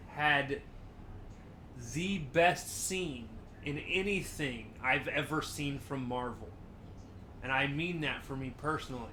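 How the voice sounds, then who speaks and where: A man co-hosting a podcast in casual chat, telling stories with animated acted-out quotes. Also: a little high. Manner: animated storytelling, acts out quotes. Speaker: podcast co-host.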